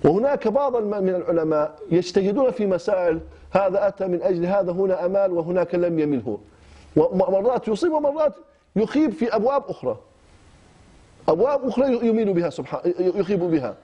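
High-voiced Iraqi teacher, dull lo-fi sound. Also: male voice, expressive, fast. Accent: Iraqi Arabic. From Kirkuk, Iraq. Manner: talks in short phrases with frequent hesitations and restarts. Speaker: Quran recitation teacher. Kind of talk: explaining recitation rules in class. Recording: dull lo-fi class recording.

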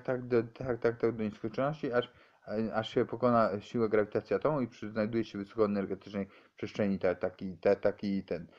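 A man giving a rambling, halting explanation, stumbling over words and restarting often. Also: on the low side, a little mellow, muffled recording.

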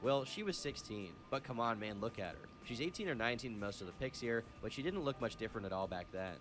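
A man reading a blog post aloud in a rapid, smug tone. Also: mid-range voice, lively intonation, over music.

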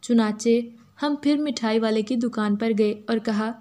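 Mellow-voiced woman narrating a story. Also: a little high, a little slow. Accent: Urdu. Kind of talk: scripted first-person story narration.

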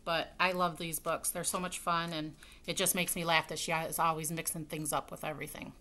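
Here a middle-aged woman reads a kids' storybook aloud by a window at home, with offhand remarks to her listeners. Her deep voice moves little in pitch and comes out fairly quick, pushed and bright. The webcam sound, taken from desk distance, carries faint noise and clicks.

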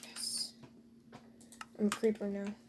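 Woman narrating her game real slow and even, mellow tone, dry sarcastic jokes to the viewers. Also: mid-range voice, background noise. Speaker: gameplay commentator. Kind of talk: casual game commentary.

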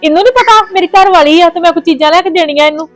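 A woman's voice: very high-pitched, rapid-fire, dry recording, soft background music. A woman playing a worried, fiercely protective mother with a Punjabi accent, soothing her daughter and scolding the in-laws. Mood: soothing, indignant. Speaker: mother on the phone. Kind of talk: family drama acting.

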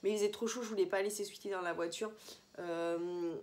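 A woman's voice: lowish voice, steady tone, a little fast, darkish tone. A woman chatting casually through a beauty product review vlog in a holiday apartment, rambling and correcting herself with many fillers. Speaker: beauty vlogger.

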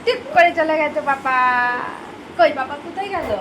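A woman's voice: high-pitched, normal speed, noisy background. A woman chatting in a home vlog while coaxing and teasing her toddler. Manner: chatty, scolding fondly, coaxing a baby. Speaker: mother and vlogger.

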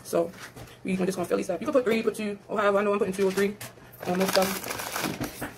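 Rapid-fire and medium-pitched with fairly even intonation, a young woman talks casually to her viewers as y'all while cooking at home. A phone camera on the counter records her, and kitchen clatter makes the audio noisy.

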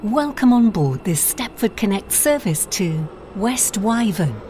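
A woman's recorded train announcement, her words spliced together piece by piece, delivered in a measured, evenly paced way. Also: medium pitch, sing-song, dark tone, a little hiss or hum. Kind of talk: automated announcement.

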